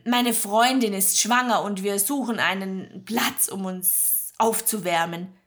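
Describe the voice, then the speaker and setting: A woman's voice: medium pitch, steady tone, slow pace, fairly bright tone. Lady doing a nervous young guy, stammery, says sorry a lot. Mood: apologetic. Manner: stammering, apologetic. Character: hesitant young man, expectant father.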